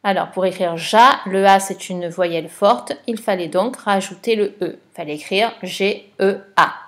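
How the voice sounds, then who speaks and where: A woman's voice: mid-range voice, moderate pace, fairly bright tone. A woman teacher giving a patient dictation lesson for a child, spelling letters and syllables one by one.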